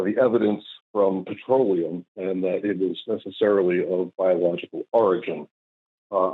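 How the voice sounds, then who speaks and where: Older guy calling in on a tinny phone line, low husky voice, lots of uhs and ums. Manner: hesitant, many fillers and restarts. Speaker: caller. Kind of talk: call-in debate. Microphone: phone call.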